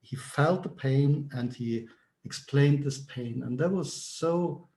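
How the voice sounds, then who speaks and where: A man trainer telling a memory slowly, searching for words, over a video call. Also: mid-range voice, warm tone. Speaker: nonviolent communication trainer. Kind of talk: personal reflection in a group call. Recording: echoey room.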